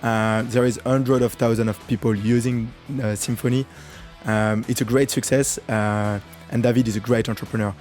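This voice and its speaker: A man hosting a business interview show, speaking at an ordinary pitch. He hesitates often and fills gaps as he introduces his guest, while a guitar plays faintly in the background. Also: level tone, normal speed, few pauses, a little mellow. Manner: hesitant, full of fillers. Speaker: podcast host. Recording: faint guitar music behind.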